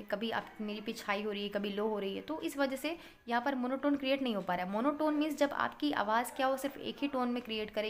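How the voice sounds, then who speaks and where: A woman teaching a physics class, explaining in Hindi, checking in with her students and reading English textbook lines slowly. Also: a little high, a little hiss or hum. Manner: addresses students as beta, checks with "है ना".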